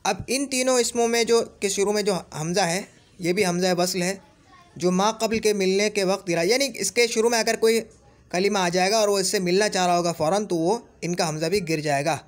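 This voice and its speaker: A man teaching Arabic grammar in Urdu, repeating each example word slowly and checking in with "theek hai?". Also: high-pitched. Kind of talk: explaining a grammar lesson.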